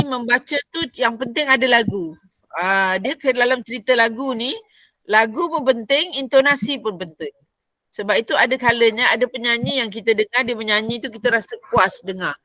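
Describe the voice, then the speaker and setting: A woman's voice: fairly high pitch, pushed and bright, no room sound, low-quality recording. A woman with a Malaysian Malay accent, teaching a Quran recitation voice class in an explanatory lecture, repeating key phrases as she goes.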